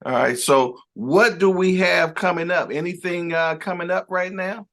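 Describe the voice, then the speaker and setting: A man's voice: high voice, normal speed, a bit bright. A man hosting a boxing channel, interviewing a guest over a video call with upbeat, brief affirmations.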